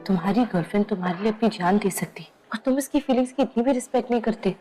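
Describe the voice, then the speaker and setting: An actress playing an earnest young doctor who gets defensive, in a TV drama. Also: female voice, mid-range voice, fast talker, over loud music, natural voice. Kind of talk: TV drama acting.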